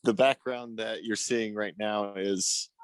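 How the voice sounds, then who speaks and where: A man's voice: fairly low pitch, steady tone, slow, dry recording. Breathless, rambling man on a video call. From Utah. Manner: enthusiastic, rambling, many fillers. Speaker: meeting participant. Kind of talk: casual video call talk. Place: outdoors, windy. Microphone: phone on a video call.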